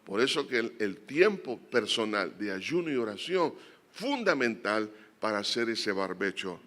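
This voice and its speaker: A male pastor preaching a sermon, rising to emphatic peaks and dropping to quiet, earnest prayer. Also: fairly low pitch, big pitch swings, unhurried.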